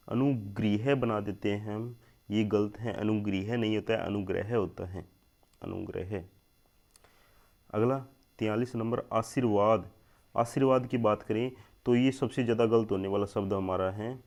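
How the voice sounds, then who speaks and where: On a dull-sounding recording, a young man's low, somewhat mellow voice leads an exam spelling lesson in Hindi grammar. He explains each word in turn, repeats it several times, and keeps checking on his audience with "thik hai doston."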